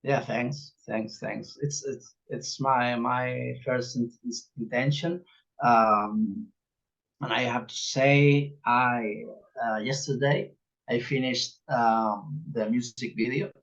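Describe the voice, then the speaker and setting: A man from Barcelona speaking halting English with a Spanish accent, a musician guest in a casual interview who laughs often. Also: medium pitch, steady tone, creaky, a bit bright, highs cut off. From Spain, Barcelona. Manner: halting, simple non-native English with frequent laughs.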